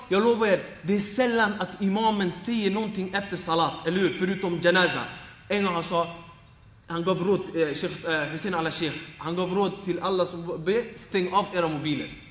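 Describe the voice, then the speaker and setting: A male Islamic teacher giving short, informal advice, animated and laughing as he acts out everyday examples. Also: high voice, reverberant, big-room sound.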